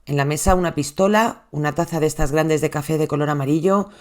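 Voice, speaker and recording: A true crime host with a Spain Spanish accent giving a scripted narration, dropping the voice low on tense details. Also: fast.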